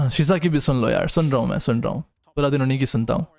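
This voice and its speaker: A man's voice: medium pitch, fast talker, gravelly, darkish tone. A young man, casually chatting with his stream audience as a tired, joking streamer and caster. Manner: joking, banters with chat, lapses into crude banter. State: tired from no sleep. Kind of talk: casual chat reading live comments.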